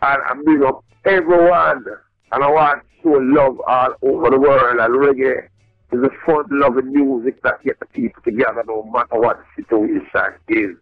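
A middle-aged reggae artist with a Jamaican accent, heard over a phone line, talking in a laid-back, rambling way with lots of restarts. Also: male voice, mid-range voice, fairly even intonation, normal speed, dry recording. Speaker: reggae artist calling in as a guest. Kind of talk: casual radio phone interview. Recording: tinny dry phone line with faint music.

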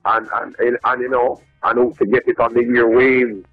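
A middle-aged reggae artist with a Jamaican accent, heard over a phone line, talking in a laid-back, rambling way with lots of restarts. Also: male voice, mid-range voice, little pitch movement, normal speed, no room sound. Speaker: reggae artist calling in as a guest. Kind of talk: casual radio phone interview. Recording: tinny dry phone line with faint music.

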